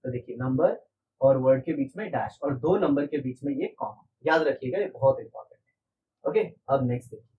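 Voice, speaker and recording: Man explaining chemistry slowly, keeps asking the class questions, mic far off with a bit of hiss. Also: mid-range voice, lively intonation, phone-quality sound. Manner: patient, repetitive, asks rhetorical questions. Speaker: chemistry teacher. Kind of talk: classroom lecture.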